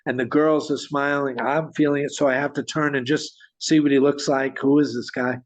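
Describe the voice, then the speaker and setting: A man telling a story in conversation, animated, with frequent restarts and small chuckles. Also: mid-range voice, moderate pace. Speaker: guest storyteller. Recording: dull lo-fi sound.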